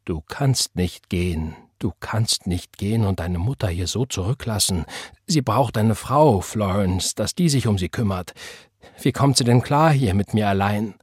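A man's voice: on the low side, measured pace, a little mellow, husky, dry recording, studio quality. A man voicing a desperate pleading young man. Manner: pleading, urgent.

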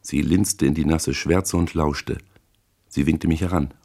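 A man with a very deep, low voice narrates a hard-boiled crime story in the first person. His reading is measured and deliberate, paced like a scripted audiobook. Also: steady tone, dark tone.

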